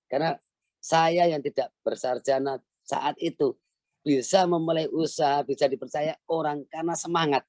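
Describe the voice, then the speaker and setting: A middle-aged man lectures students over a video call, earnest and exhorting, driving his points home by repeating them. His voice sits fairly high for a man, with a mellow, warm tone. The sound is close and dry, with no room around it. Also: no room sound. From Central Java, Indonesia. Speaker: language village founder giving a lecture. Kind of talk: motivational online lecture.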